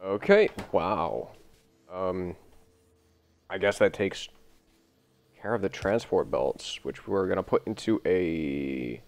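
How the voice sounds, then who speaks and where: Gameplay host, male, gravelly and groggy, unhurried, lively rise and fall, chats to his machines. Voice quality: deep, gravelly voice. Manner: rambling, talks to the game's machines as he builds. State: groggy from early morning recording. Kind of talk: casual gameplay commentary.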